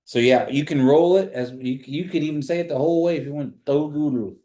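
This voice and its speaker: A man's voice: on the high side, fast, mellow. A man teaching a language class in a casual, conversational way. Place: indoor classroom. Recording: echoey room.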